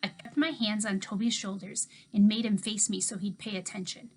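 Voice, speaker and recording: A woman teacher reads a children's novel aloud to her class with expressive storybook delivery. Her voice is mid-range and her pace moderate.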